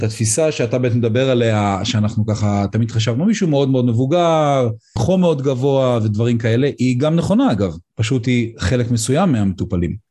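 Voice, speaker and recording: A middle-aged man, an emergency physician, speaking as a podcast guest and pausing often on "uh" fillers as he talks. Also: mid-range voice, mellow, slightly rough. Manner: hesitant, frequent "uh" fillers. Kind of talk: podcast interview, personal account.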